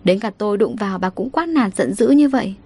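A woman's voice: medium pitch, a little fast, breathy edge. Woman narrating a story. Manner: steady, emotive reading. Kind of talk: first-person story narration.

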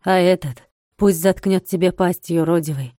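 A woman reading an audiobook voices a scornful old male villager who mocks calmly and coldly. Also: on the low side, normal speed, dry recording, clean studio sound, close to an everyday voice. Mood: mocking, scornful. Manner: mocking, calm and cold.

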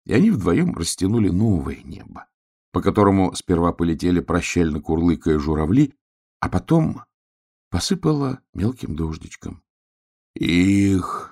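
Low, husky male narrator for a children's storybook, animated intonation. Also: moderate pace. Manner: expressive, lively storytelling.

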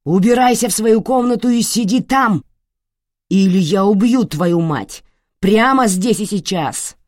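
In this storybook reading, a woman voices a violent, enraged middle-aged father who roars furious threats, her pitch lurching wildly up and down as he rages. Her voice sits at a medium pitch, pushed above her natural range, with a warm, sing-song quality and a slightly slow pace. The recording is dry and close, with no room sound.

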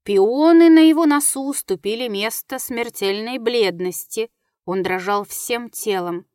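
A woman narrating a classic literary story in a measured, steady audiobook reading. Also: on the high side, no echo, studio quality.

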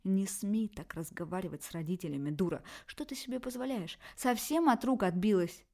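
A woman voicing a stern, proud middle-aged father who lectures gruffly. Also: medium pitch, brisk, dark tone, lightly acted.

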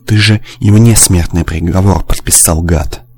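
A man reading the lines of a panicked male commander in an audiobook, shouting hysterically. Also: deep voice, steady tone, measured pace.

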